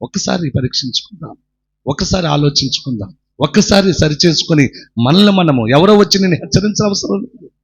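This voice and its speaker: A man's voice: a little high, animated, fairly quick, husky. A man preaching a sermon, telling a story dramatically and crying out the pleas of its characters. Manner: dramatic storytelling, acting out voices and shouting pleas.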